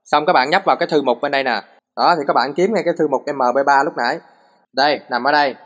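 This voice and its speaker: A man's voice: on the high side, fast talker, fairly bright tone. A man walks through a phone recording tutorial step by step, patient and full of short repeated cues.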